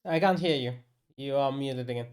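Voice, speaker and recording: A man's voice: mid-range voice, normal speed, clear, resonant tone. A man chatting casually as a player in a tabletop game over a video call.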